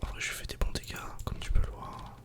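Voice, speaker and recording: Whispering breathy, unvoiced ASMR commentary at a quick pace, a woman plays a video game and murmurs to herself and her viewers.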